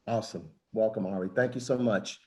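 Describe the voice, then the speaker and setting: A man's voice: fairly low pitch, fairly even intonation, fairly quick, darkish tone. A man moderating a conference panel, upbeat and welcoming, with frequent fillers and restarts.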